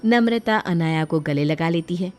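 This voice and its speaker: A woman giving scripted narration of a family cartoon story in a plain, even telling voice. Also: fairly low pitch, moderate pace, soft background music.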